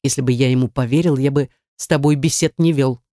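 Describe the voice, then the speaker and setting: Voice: medium pitch, fairly even intonation, brisk, warm tone, no room sound, studio quality, natural voice. An audiobook narrator voicing a domineering, jealous man who speaks sternly and growls. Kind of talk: audiobook dialogue.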